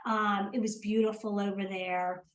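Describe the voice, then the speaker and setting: A woman's voice: medium pitch, little pitch movement, normal speed, poor audio. An older woman from South Jersey with a South Jersey accent, chatting as an interview guest, hesitant with many ums and restarts. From South Jersey, USA. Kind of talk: casual interview chat.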